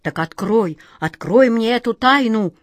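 A woman reading a storybook and voicing an eager, gullible man who pleads excitedly and loudly. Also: a little high, unhurried, dry recording, clean studio sound, pitched above the performer's own voice.

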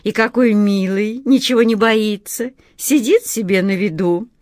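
A woman's voice: medium pitch, measured pace, darkish tone, no echo, studio quality, lightly acted. A woman voicing a vain, sly grown she-cat in a storybook reading, purring and drawn out. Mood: curious.

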